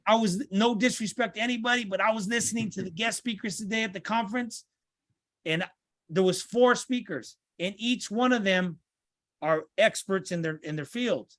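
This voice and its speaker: A man's voice: high-pitched, moderate pace, a bit bright, dry recording, clean studio sound. A middle-aged man from Santa Ana, California, speaking earnestly as a podcast interview guest. He repeats himself and restarts his sentences.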